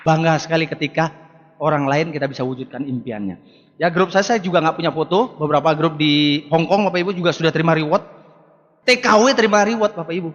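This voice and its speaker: High-voiced man preaching to a hall. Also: fast, a bit bright. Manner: emphatic, repeats rallying words, often addresses the audience. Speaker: motivational business speaker. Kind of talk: seminar speech to a live audience. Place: large hall with live audience. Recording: echoey hall, dull lo-fi sound.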